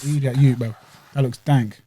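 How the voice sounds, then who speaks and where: A man's voice: medium pitch, steady tone, a little fast, mellow, husky. A man with a London accent and slightly weak R sounds, bantering casually as a podcast co-host with slangy, playful bickering while reviewing food. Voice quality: weakly pronounced R sounds. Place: podcast studio.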